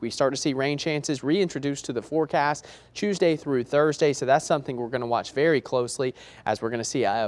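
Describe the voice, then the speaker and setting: Male TV weather forecaster, mid-pitched voice, conversational weather report delivery, informal on-air manner.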